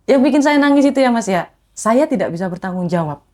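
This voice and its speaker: This woman, a guest in a casual conversation, tells emotional personal stories and animatedly acts out the voices of the people she quotes. She talks fast, and her voice sits on the high side.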